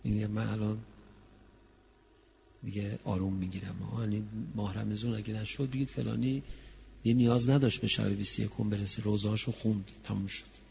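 A man preaching a religious sermon that rises into a chanted mourning lament, moving from soft, close talk to high, loud wailing. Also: little pitch movement, vocal fry, a little hiss or hum. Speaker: preacher reciting a mourning recitation.

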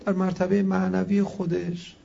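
A male preacher gives an impassioned religious sermon, his fairly high voice gravelly and mellow. He fires off rhetorical questions and moves from hushed to loud. The recording sounds dull and lo-fi. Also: completely flat delivery, a little hiss or hum.

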